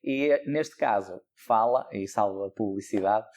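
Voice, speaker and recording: A young man with a European Portuguese accent, a candidate in a local election, answers interview questions thoughtfully but hesitantly, using many fillers. His voice is fairly low and a little mellow, at a normal speed.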